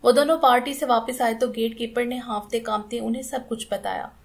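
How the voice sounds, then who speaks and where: Female audiobook narrator, steady expressive delivery, raised pitch, gravelly texture. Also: a little fast. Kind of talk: dramatic novel narration.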